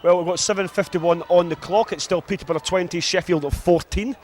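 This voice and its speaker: A man's voice: high-pitched, fairly even intonation, a little fast, darkish tone. A man with a broad Scottish accent giving live American football commentary in a chatty, explanatory way. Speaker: sports commentator, former player.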